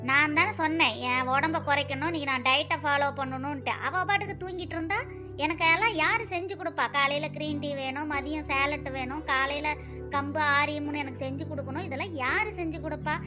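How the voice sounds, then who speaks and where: A woman's voice: high-pitched, fairly quick, music in the background, close to an everyday voice. A woman voicing a bossy, demanding older mother-in-law in a cartoon, scolding and complaining about her diet. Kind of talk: cartoon voice acting.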